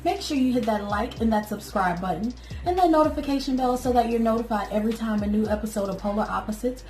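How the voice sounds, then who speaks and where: A woman's voice: a little high, fast talker, darkish tone. Teasing woman co-hosting a chat show. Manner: teasing, questioning. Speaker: podcast co-host. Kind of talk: casual chat. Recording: roomy sound with faint music.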